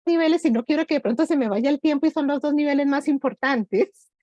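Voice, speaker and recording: Mellow-voiced woman speaker, dry lo-fi sound. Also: high voice, fairly quick, no echo. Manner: gentle, reflective, personal examples. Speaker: grief workshop speaker. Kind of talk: online workshop talk.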